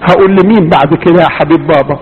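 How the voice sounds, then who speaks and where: A man's voice: a little high, rapid-fire, husky. A man with an Egyptian accent voicing the aged father Abraham, who speaks tenderly to his son. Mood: anguished. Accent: Egyptian Arabic. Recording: dull lo-fi recording.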